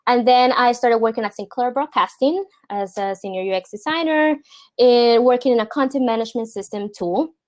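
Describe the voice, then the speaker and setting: This host, a product designer from San Juan whose native language is Spanish, reviews a portfolio on a video call in a casual, talkative manner. Her voice is a little high with a darkish tone, she speaks at a normal speed, and her Puerto Rican accent is clear.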